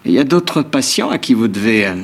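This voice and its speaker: A man's voice: mid-range voice, big pitch swings, a little fast, slight background noise. A man voicing a sick male patient who teases his doctor in a dubbed series scene. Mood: teasing. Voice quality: gravelly, husky, teasing.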